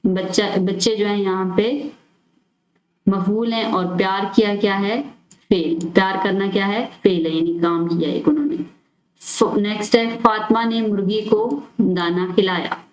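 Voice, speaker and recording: A woman's voice: medium pitch, fairly even intonation, a little slow, muffled recording. A woman with a Pakistani Urdu accent explaining a school lesson, spelling words out letter by letter and asking and answering her own questions. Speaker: teacher. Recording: echoey room.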